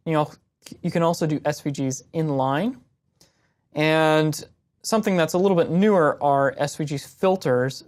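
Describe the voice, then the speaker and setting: A young woman answering viewer questions about web design in a casual, relaxed screen-share lesson, explaining step by step. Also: low-pitched.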